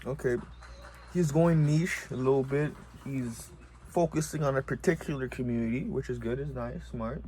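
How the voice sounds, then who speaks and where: Relaxed man thinking aloud, mellow. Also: medium pitch, normal speed, a little hiss or hum. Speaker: host reacting to a video. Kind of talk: casual reaction commentary.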